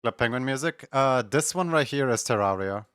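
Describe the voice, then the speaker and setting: A man's voice: mid-range voice, animated, normal speed, fairly bright tone, clean tone, no room sound, studio quality. A man hosting a livestream, talking casually to his viewers. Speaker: livestream host.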